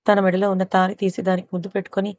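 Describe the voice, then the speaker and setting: A woman narrating a romance novel aloud in a steady storytelling manner. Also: mid-range voice, racing, highs cut off. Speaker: audiobook narrator.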